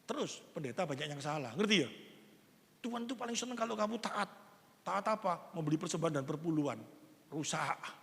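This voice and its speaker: A man, preaching a sermon as a pastor in a lively, conversational way with everyday examples. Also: on the high side, a little fast, gravelly. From East Java, Indonesia. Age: 60s. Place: church hall. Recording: long reverb of a church hall.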